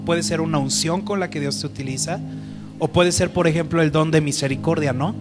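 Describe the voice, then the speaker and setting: Man leading a casual Bible study, slightly high-pitched, music playing under him. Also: fairly even intonation, fairly quick. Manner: conversational, asks the group questions. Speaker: teacher. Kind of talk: Bible teaching.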